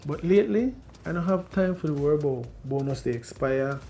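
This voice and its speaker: Low, mellow woman as an ad customer. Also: expressive, brisk. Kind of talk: scripted ad dialogue.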